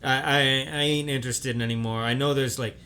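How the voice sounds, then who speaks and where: A young man co-hosting a podcast in casual chat, relaxed, stammering on restarts and trailing off. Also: mid-range voice, a little fast, slight background noise. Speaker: podcast co-host.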